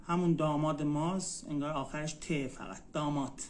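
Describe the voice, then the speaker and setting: Brief: male tutor, slightly high voice, drills vocabulary with slow repeats, patient one-on-one lesson. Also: steady tone, slight background noise. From Iran. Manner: repeats words slowly, spells them out for a student. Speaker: Turkish language tutor.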